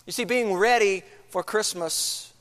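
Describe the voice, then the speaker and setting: Male pastor with a high voice, conversational sermon, long church hall reverb. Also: a little slow, fairly bright tone. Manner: conversational, poses questions to the congregation. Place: church sanctuary.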